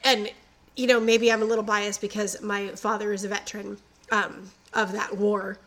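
A woman's voice: mid-range voice, level tone, normal speed, a bit bright, rough recording. A married woman co-hosting a podcast, chatting playfully with teasing quips. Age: adult, married. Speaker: podcast co-host. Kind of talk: casual chat, joking banter.

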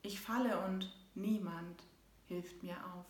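Woman, author reading her book, slow steady delivery, rhyming cadence, reverberant room. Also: medium pitch. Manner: rhythmic rhyming recital, shifting between soft and loud. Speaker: author and host. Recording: echoey room.

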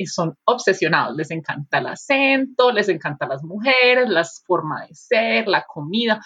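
A woman's voice: lowish voice, fairly bright tone, breathy edge. A woman from Colombia co-hosting a podcast, chatting in an upbeat storytelling way. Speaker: podcast co-host. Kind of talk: casual podcast chat. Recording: dull lo-fi sound.

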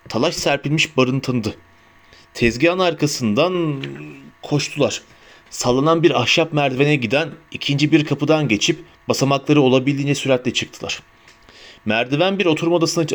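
Guy narrating an audiobook, measured and steady, kinda high voice.

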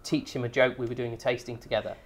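A man's voice: medium pitch, little pitch movement, fast. A man chatting as a podcast guest, a wine educator and comic who restarts phrases and tells jokes. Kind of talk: casual podcast chat. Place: studio near a busy street.

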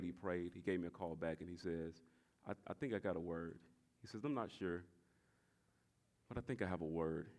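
A pastor in his forties preaching a sermon, swinging from shouted exhortation to quiet, confiding talk, and repeating his phrases. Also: deep voice. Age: 40s. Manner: repeats phrases and tells the congregation to address their neighbor.

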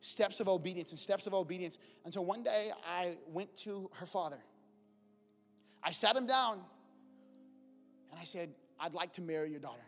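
Male preacher, high voice, shifts from shouted praise to hushed testimony; long hall reverb, soft music under. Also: moderate pace, long pauses. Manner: swings from loud praise shouts to soft storytelling. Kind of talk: sermon testimony.

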